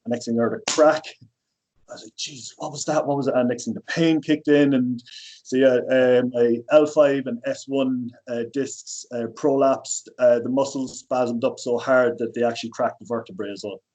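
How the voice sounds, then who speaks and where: An Irish man in his thirties who works as a personal trainer talks loosely on a podcast, rambling through lots of fillers and restarts. His mid-range voice is steady and a little mellow at a moderate pace, though the audio is poor.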